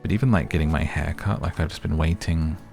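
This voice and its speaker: A man with a hoarse, raspy, strained voice, giving relaxed, rambling game commentary meant for sleep and muttering to himself as he plays. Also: rumbling low, fast, over music. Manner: chatty, muttering to himself while playing. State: voice going hoarse. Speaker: gaming video creator and podcaster.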